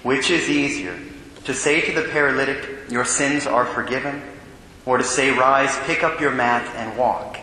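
A man serving as priest, reading the gospel and preaching in a large church with a cathedral echo, measured and solemn. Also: mid-range voice, steady tone, pushed and bright. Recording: long echoey church reverb, faint hiss.

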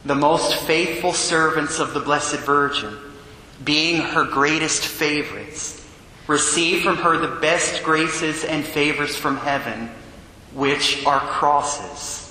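A man's fairly high, bright voice fills a vast church and booms back with a long cathedral echo, a faint rumble beneath it. He is a priest who reads the Gospel and preaches in an earnest, measured way. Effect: booming cathedral echo. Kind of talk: gospel reading and homily at Mass. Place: large church. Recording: long echoey reverb in a large church.

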